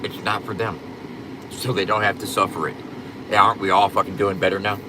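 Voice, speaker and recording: Man, low voice, slurred loose-denture lisp, blunt rambling livestream chat, clear vehicle-like background noise. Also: level tone, brisk. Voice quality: slightly slurred, lisping speech from new loose dentures. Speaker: livestream host.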